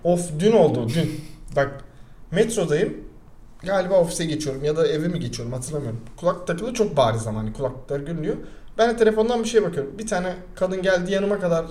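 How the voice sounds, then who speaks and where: A young man co-hosting a casual talk show, spilling anecdotes at high speed with a joking, rambling energy. His voice sits somewhat high yet sounds dark and mellow. The room around him has a noticeable echo. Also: quick pace. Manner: rambling, joking, animated storytelling. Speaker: podcast co-host. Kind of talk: casual chat.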